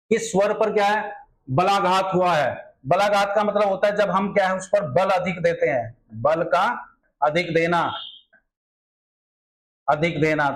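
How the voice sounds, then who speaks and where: A man's voice: sits high, low-quality recording. A male teacher solving exam questions in a grammar lesson, explaining step by step and often asking rhetorical questions.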